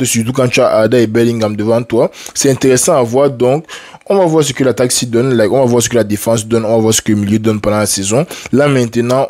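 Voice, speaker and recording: A man with a mid-pitched voice talks through a football match in a loose, conversational monologue. He is a little sick and sometimes restarts his sentences as he thinks aloud. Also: a little mellow. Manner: conversational, drops English words like "like", frequent restarts. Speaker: football analyst, video host. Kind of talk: casual match debrief monologue.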